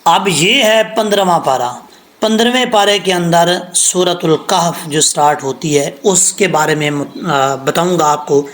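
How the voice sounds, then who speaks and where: A man teaching Quran tajweed patiently, breaking into slow recitation of verses. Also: fairly high pitch, a bit bright. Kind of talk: recorded recitation lesson.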